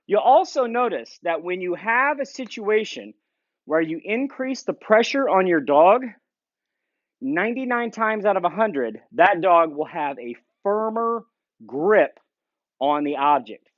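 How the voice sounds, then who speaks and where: A man giving a dog training lesson in a shop, calmly explaining between short commands to the dog. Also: sits high, dry recording, highs cut off. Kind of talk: instructional training video. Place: indoor shop.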